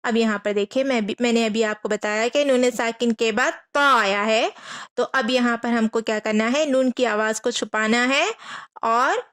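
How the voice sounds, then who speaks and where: A woman teaching a Quran reading lesson, patiently repeating each rule, asking her students questions and slowly spelling out letters. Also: a little high, fairly bright tone. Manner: patient, repeats rules and asks rhetorical questions.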